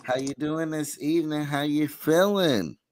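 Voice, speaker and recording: A man's voice: a little high, a little slow. A man hosting a casual livestream talk show, hyping up viewers and repeating his call-outs. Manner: hype, calls out to viewers, repeats phrases. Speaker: host.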